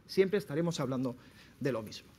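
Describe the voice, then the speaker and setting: A man from Spain giving a sales seminar to entrepreneurs, lively and quizzing his audience. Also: mid-range voice, fairly quick, a little hiss or hum. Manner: lively, questions the audience directly. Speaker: speaker at a business talk. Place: seminar room.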